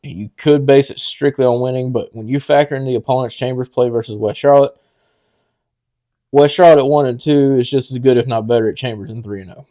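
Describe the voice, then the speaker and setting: Opinionated man, mellow voice. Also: mid-range voice, brisk. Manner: opinionated, argues his case with confidence. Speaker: podcast co-host. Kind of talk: casual sports talk.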